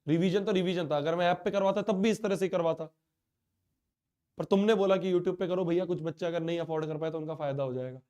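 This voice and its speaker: Young man, online teacher mid-class; higher-pitched, soft warm tone; stuffy nose and sore throat; wounded, repetitive. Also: fast talker, clean tone. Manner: hurt, pleading, repeats himself. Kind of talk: live class address to students.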